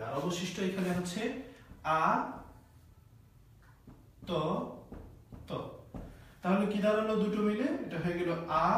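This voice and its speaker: A man's voice: high-pitched, a bit bright, very echoey, far from the mic. A man teaching French in a live online class, explaining pronunciation step by step and often saying "voilà".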